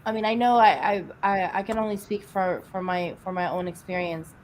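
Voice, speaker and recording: A woman's voice: medium pitch, steady tone, darkish tone, slight background noise, low-quality recording. A woman from Venezuela in a casual group chat, speaking reflectively with frequent restarts. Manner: halting, restarts often, reflective. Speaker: chat participant.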